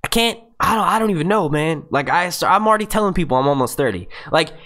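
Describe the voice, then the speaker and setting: A man in his twenties from the United States hosts a live stream, his voice sounding younger than his age. He rambles with fillers and the odd swear word. His intonation moves lively all over the place. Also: a little high, fast talker. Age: 20s. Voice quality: youthful-sounding voice. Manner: rambling and chatty, with many fillers and profanity. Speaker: YouTube channel host reading live chat. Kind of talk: casual live-stream chat.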